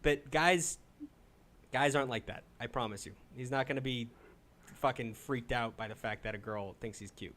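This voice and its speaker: A man's voice: medium pitch, normal speed, a bit bright, slight background noise. A man in his twenties with a New England accent hosting a call-in livestream, rambling and swearing as he gives advice. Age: 20s. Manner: loose, swearing, rambling pep talk. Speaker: call-in show host. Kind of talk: casual livestream chat.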